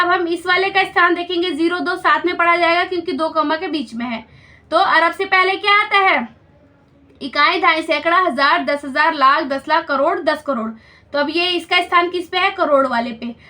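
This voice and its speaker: A woman's voice: very high-pitched, a little fast, bright, forceful tone. A woman teaching a school maths lesson step by step, patiently explaining and checking understanding with questions.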